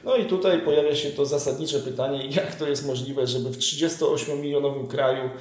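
In an echoey indoor room furnished with a leather sofa, a man in his thirties conducts an earnest political interview, stumbling through fillers and restarts. He's a journalist with a medium-pitched, darkish voice, fairly even in intonation and fairly quick.

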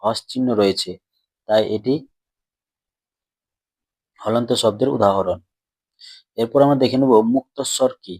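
Male grammar teacher, mid pitch, patient and repetitive, drawn-out words, dry close mic. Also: a little mellow, no room sound. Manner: patient, repeats questions and answers them himself; stretches out words slowly when splitting syllables. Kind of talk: classroom lesson explanation.

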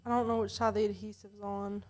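A woman's voice: mid-range voice, little pitch movement, a little fast, a little hiss or hum. A woman crafting on a casual livestream, muttering and flustered as she works. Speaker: co-host crafting on camera.

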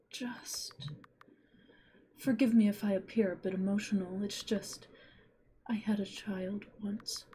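A woman voicing a lonely, motherly witch in a gentle half-whispered voice, as whispered role-play. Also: medium pitch, a little hiss or hum, lightly acted.

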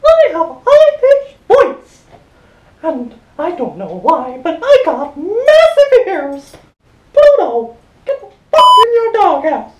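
A chirpy male cartoon mouse squeaks in a strained high falsetto. The pitch leaps around constantly. The sound bounces off the walls of a small home kitchen. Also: wildly swooping pitch, slow pace, roomy sound, full character voice, poor audio. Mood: giddy.

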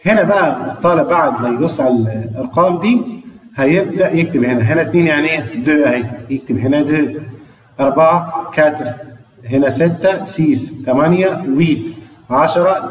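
Egyptian man teaching, echoey and distant. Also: a little high. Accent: Egyptian Arabic. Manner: counting aloud, pointing and explaining step by step. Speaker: French teacher. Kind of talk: online lesson, working through exercises.

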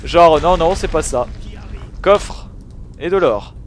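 A man giving excitable gameplay commentary, swearing and shouting at the game as he plays. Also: on the high side, slow, a little hiss or hum. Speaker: gaming video host.

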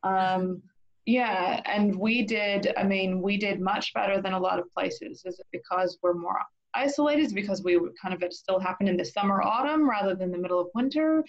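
A woman's voice: medium pitch, normal speed, highs cut off. A young woman, casually hosting an interview over a video call from home. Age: young adult. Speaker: interviewer, host.

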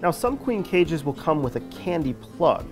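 A middle-aged man with a Midwestern American accent giving clear, practical step-by-step beekeeping instructions as a scripted narration. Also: fairly high pitch, very animated, normal speed, music in the background. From United States.

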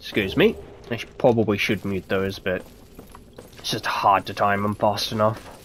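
A man's voice: on the low side, flat delivery, normal speed, a bit bright, slight background noise. A man with a stuffy nose giving casual let's-play commentary, muttering to himself as he plays. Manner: chatty, muttering to himself while playing. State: stuffy-nosed. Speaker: gameplay commentator.

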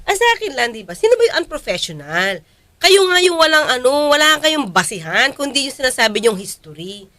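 A woman's voice: high-pitched, big pitch swings, fairly quick, bright, forceful tone, no room sound. A woman, co-hosting a casual commentary chat as a lawyer. She speaks to viewers directly and mixes in English. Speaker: lawyer and co-host.

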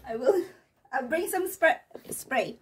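A woman's voice: sits high, lively intonation, takes it slowly, a bit bright, far from the mic, slight background noise. A woman, a mother and vlogger, chatting casually and teasingly at home, apologetic and often giggling. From Philippines. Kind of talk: casual family chat. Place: her son's bedroom at home.

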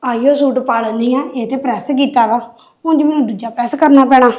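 A woman playing an obliging young daughter-in-law who tries to calm everyone down. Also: high voice, a little fast, highs cut off. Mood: placating. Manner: soft, placating. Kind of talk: Punjabi family drama acting.

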